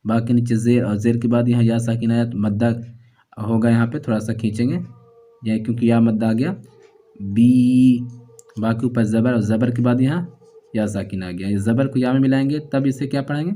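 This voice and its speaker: Patient guy teaching quran reading, mellow low-ish voice, slow, repeats every sound and stretches syllables. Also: steady tone.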